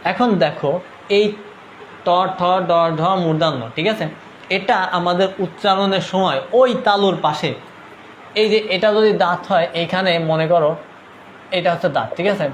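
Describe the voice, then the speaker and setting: A young Bangladeshi man teaching a live online lesson, his voice sitting high for a man. He talks casually and keeps asking viewers to comment and whether they follow. Faint background noise sits under the voice. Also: moderate pace. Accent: Bangladeshi Bengali. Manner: checks understanding with "ঠিক আছে?". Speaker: online tutor.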